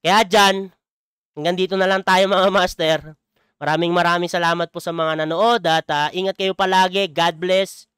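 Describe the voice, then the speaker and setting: Male vlogger reacting to clips, smooth clean voice, dry close sound, exclaims a lot. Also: sits high, steady tone, moderate pace, a bit bright, no room sound. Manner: exclaiming, chuckling, repeats clip lines back. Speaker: YouTuber host. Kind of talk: reaction commentary on a video clip.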